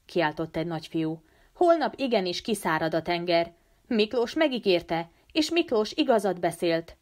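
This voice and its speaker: A woman voicing a defiant big boy who shouts accusations. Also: fairly low pitch, lively intonation, lightly acted. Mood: angry.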